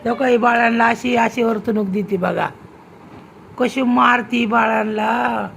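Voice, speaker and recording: A woman's voice: fairly high pitch, fairly even intonation, a little slow, creaky, fairly bright tone, a little hiss or hum. A woman filming a home vlog, chatting casually and scolding with teasing questions. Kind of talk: casual home video chat.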